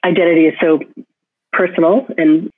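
A woman photographer with a fairly low, steady voice speaks at a normal pace with no room sound, giving thoughtful, reflective answers in an interview. The phone line sounds tinny and dry, and she frequently starts sentences over while working out her thoughts.

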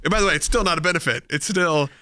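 Middle-aged male podcast co-host, a bit high-pitched and bright, speech mildly slurred, conversational. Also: very fast, no echo. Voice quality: slightly slurred speech after dental surgery. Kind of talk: casual chat.

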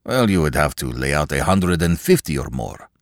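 A man voicing a gruff one-eyed older tailor who speaks with blunt, decisive composure. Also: very deep voice, big pitch swings, moderate pace, dry recording, studio quality, exaggerated voice. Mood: blunt, dismissive.

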